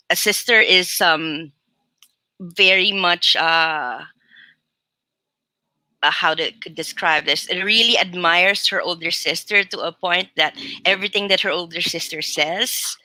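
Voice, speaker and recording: A woman author on a panel, talking with many pauses, fillers and restarts over a video call. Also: fairly low pitch, bright, forceful tone, dry recording, poor audio. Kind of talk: panel discussion.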